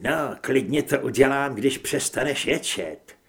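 A man's voice: medium pitch, vocal fry, a bit bright. A man reading a curt, dry monster hunter. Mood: defiant. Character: tough, dry-witted male monster hunter at gunpoint.

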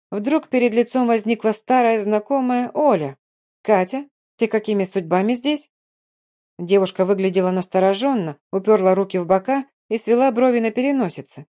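A woman narrating a first-person audiobook in a calm, even reading voice. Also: mid-range voice.

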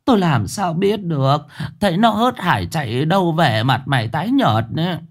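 A man voicing a caring middle-aged village woman in a ghost story, speaking gently and soothingly. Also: mid-range voice, lively intonation, a little slow, natural voice. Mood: worried.

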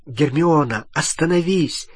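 A man reading an audiobook, voicing an urgent young man who calls out to calm his friends. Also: fairly high pitch, measured pace, slightly rough, dry recording, pitched above the performer's own voice. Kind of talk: audiobook character voice.

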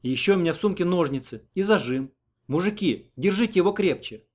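A man voicing a young woman who gives brisk, decisive orders. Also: high-pitched, lively intonation, darkish tone, voice pushed up.

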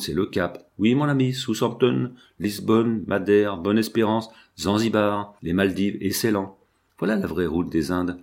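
A man voicing a stout, boastful old sea captain who talks in a gruff, scornful way. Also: on the low side, darkish tone, natural voice. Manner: blustering, gruff, contemptuous.

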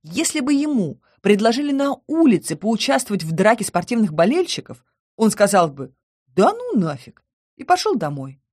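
A woman narrating a first-person novel as an audiobook in a calm, quietly expressive way on a close mic. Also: mid-range voice, a little fast, dry recording. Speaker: audiobook reader.

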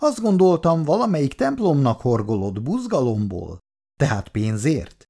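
An actor playing a worried, grumbling retired old husband in a 1960s radio drama, with a low, muttering manner. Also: male voice, sing-song, gravelly, dark tone. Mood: scolding. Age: older.

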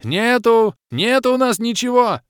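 A man's voice: fairly high pitch, quick pace, a bit bright, no echo, studio quality, pitched above the performer's own voice, lightly acted. A man voicing a greedy male half-orc treasurer who bellows and frets over money in an audiobook. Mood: frantic. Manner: bellowing, frantic. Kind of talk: audiobook character voice.

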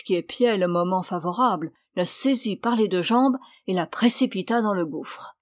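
A woman storyteller reading a fairy tale aloud in a measured, clear narrating voice. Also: mid-range voice, no room sound, studio quality.

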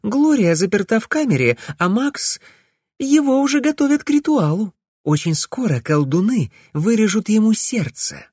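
Guy doing a high sly young witch girl, voice swoops all over, dry sound. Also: sing-song, moderate pace, darkish tone, no room sound. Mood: sulky. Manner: pleading, coy and sulky by turns.

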